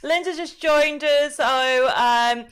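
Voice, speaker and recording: A woman's voice: sits high, takes it slowly, fairly bright tone. A woman hosting a craft live stream, chatting informally and casually with viewers. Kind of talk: casual chat, greeting viewers.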